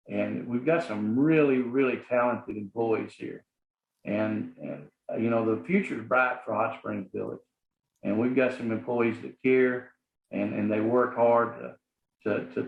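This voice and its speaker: Guest: middle-aged man, Southern drawl, sincere and halting, lo-fi roomy audio. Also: mid-range voice. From Arkansas, US. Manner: earnest, rambling with many fillers. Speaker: guest, property manager. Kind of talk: casual interview talk. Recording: echoey, phone-like sound.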